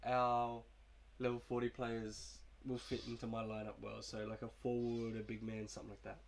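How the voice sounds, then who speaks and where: A young man with a cold, coughing, gives easygoing, wandering commentary on his video game team for his gaming channel. His medium-pitched voice is creaky and completely flat, at a normal speed.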